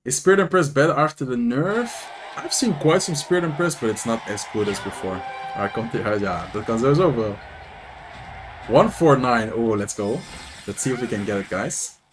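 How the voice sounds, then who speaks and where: With a little hiss or hum on the recording, a young Dutch-accented streamer speaks in a mid-range voice at a moderate pace. The content creator keeps things chatty and animated, answering viewers and commenting on matches during his live stream.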